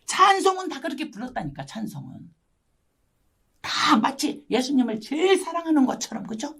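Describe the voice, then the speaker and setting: A woman's voice: high-pitched, sing-song, normal speed, creaky, fairly bright tone. An older woman missionary giving a testimony sermon, telling her story dramatically and often asking her listeners for agreement. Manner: dramatic storytelling, constant tag questions to listeners. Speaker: missionary preacher. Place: church online gathering.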